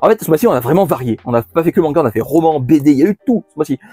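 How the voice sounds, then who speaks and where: A man's voice: fairly high pitch, animated, very fast, dark tone, slightly rough, dry recording. Chatty man hosting a manga haul. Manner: chatty, many fillers and restarts, laughs at himself. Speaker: manga channel host. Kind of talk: casual monthly haul video.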